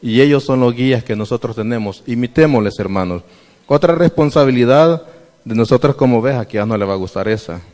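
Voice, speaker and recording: A man's voice: medium pitch, expressive, a little fast, a little mellow. Man preaching in an echoey church. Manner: preaching with questions to the congregation and scripture readings. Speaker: church member addressing the congregation. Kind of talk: sermon.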